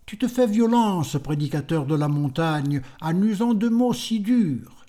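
A man's voice: high-pitched, animated, unhurried, warm tone. A man voicing a solitary prophet in an audiobook, speaking solemnly and declaiming his words. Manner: solemn, declamatory, rising to anger. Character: solitary male prophet, stern yet kindly.

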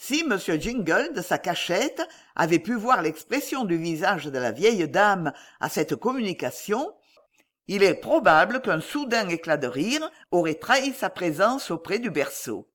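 A woman narrating a classic novel as an audiobook in a measured, expressive way. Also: fairly low pitch.

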